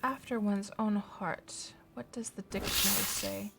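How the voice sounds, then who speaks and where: The recording is very noisy as a Finnish-speaking woman streams a game and chats with her viewers. Her mid-range voice is gravelly, a little slow, and fairly even in intonation, and she rambles through her thoughts with many fillers and restarts.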